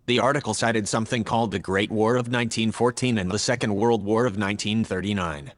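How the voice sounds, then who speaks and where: In scripted audio drama dialogue from a radio play, a man acts an earnest, logical male AI troubled by humans. His natural, slightly low voice reports in a measured, formal, matter-of-fact way with fairly even intonation. A long, hall-like reverb trails after it.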